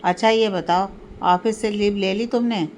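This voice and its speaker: A fond middle-aged mother from a family storybook, affectionate with a wry, teasing edge, as a woman narrator puts her on. The pitch is ordinary, over a faint background hiss. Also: steady tone, moderate pace, a little mellow, close to an everyday voice. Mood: sarcastic.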